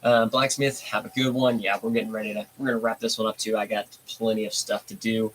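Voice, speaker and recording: A man's voice: on the low side, little pitch movement, fast talker, slight background noise, poor audio. A man hosting a casual hobby livestream, talking in a laid-back, rambling way with plenty of fillers. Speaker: livestream host.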